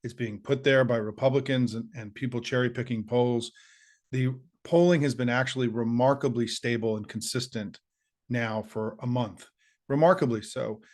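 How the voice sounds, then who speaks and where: A middle-aged man with a slightly hoarse, squeaky voice, hosting his political show and giving an earnest, upbeat pep talk straight to his audience. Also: moderate pace. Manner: earnest, upbeat, rallying, with listing and asides.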